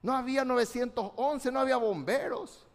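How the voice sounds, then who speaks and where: A man's voice: very high voice, normal speed. A man preaching a fervent sermon, speaking directly to his congregation and calling for their responses. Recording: long reverb of a large hall.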